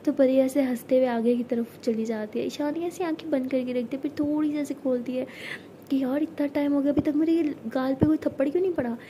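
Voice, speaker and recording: A woman's voice: high voice, steady tone, a little fast, dark tone, a little hiss or hum. A woman narrating a love story in a conversational, scene-by-scene way.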